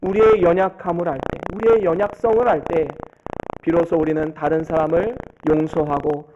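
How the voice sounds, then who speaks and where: A high-voiced man in his thirties delivers a church sermon. He tells stories earnestly and acts out the voices he quotes. The recording is muffled and lo-fi, with a clear layer of background noise. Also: fairly even intonation, normal speed. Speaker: pastor. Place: church sanctuary. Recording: dull lo-fi sound with noticeable background noise.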